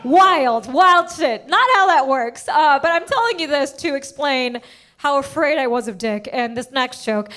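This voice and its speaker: Young female stand-up comic, high-pitched, brash and quick, punchline-driven. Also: animated, pushed and bright. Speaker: stand-up comedian. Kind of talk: stand-up comedy set. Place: stage before a live audience.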